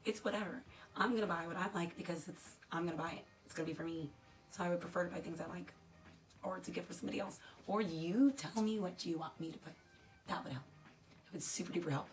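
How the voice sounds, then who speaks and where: Talking fast in a low, crackly, dry voice, a woman unboxes products for her vlog, chatting to camera in a rambling, self-deprecating way.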